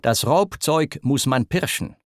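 A man voicing a grim, vengeful hunter who speaks gruffly and with determination. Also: medium pitch, animated, slow, no room sound, studio quality. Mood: fierce.

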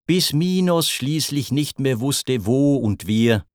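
A man reciting epic verse as narrator, with a measured, deliberate delivery. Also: mid-range voice, expressive, a little mellow, no echo, studio quality.

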